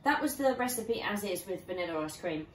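Brief: woman, vlog host, playful kitchen chat, animated delivery. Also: mid-range voice, fairly quick, a little hiss or hum. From Sussex, England. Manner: chatty and playful, with bursts of laughter. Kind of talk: casual home vlog chat. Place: home kitchen.

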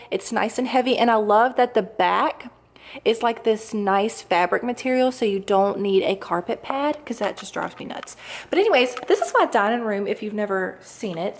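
A young woman, chatting casually and upbeat while showing her home on a handheld camera. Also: fairly high pitch. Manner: chatty, upbeat, lots of fillers. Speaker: lifestyle vlogger. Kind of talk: casual home tour chat. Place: large home kitchen and dining room, indoors. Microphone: handheld camera mic.

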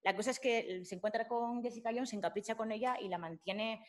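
Woman lecturing, halting and informal. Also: fairly high pitch. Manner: informal, many fillers and restarts. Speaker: lecturer at a summer course. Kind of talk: academic talk with slides.

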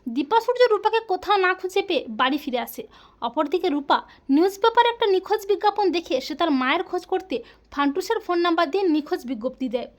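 A woman's voice: extremely high pitch, expressive, quick pace. A woman hosting a channel, chatting to her viewers as friends while she tells what happens next in a TV serial. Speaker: channel host recapping a TV serial. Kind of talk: storytelling narration of upcoming episodes.

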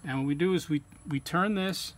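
Briskly and in a slightly high voice, a man demonstrates calibrating equipment. His plain-spoken tutorial is informal and proceeds one step at a time, with clear background hum or ambient noise throughout.

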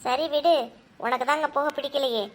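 A woman's voice: high voice, fairly even intonation, brisk, close to an everyday voice. A woman voicing a patient mother who explains things to her children in a cartoon. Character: patient mother of two kids.

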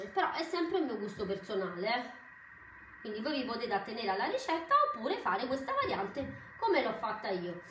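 A woman with a high voice talks her viewers through a recipe in a live cooking demonstration. She is chatty and excitable, often apologizing as she goes. Her voice bounces around a roomy home kitchen, with faint noise behind her.

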